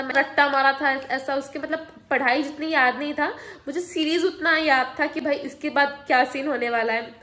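High-pitched young woman rambling through her vlog, casual and chatty. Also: a bit bright, rough recording. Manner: chatty, mixes Hindi and English, jumps between topics. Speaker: vlogger.

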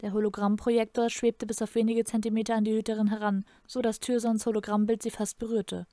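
A woman's voice: a little high, flat delivery, dark tone, no room sound. Woman reading her novel, dry close sound. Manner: measured, dramatic reading. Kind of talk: audiobook narration.

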